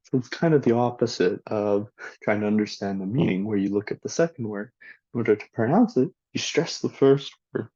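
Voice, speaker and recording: A man giving a recorded language lesson, speaking slowly and deliberately and reading example sentences for the listener to repeat. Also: on the low side, dark tone, no echo, dull audio. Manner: slow, deliberate teacher talk with spoken examples for the listener to repeat. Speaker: student presenter teaching a language lesson. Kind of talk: recorded classroom presentation.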